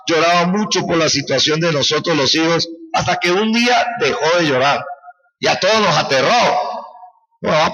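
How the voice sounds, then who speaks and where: A man's voice: fairly high pitch, bright, forceful tone. A man preaching a sermon as pastor, impassioned and calling out for the congregation's responses. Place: church sanctuary. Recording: roomy church hall.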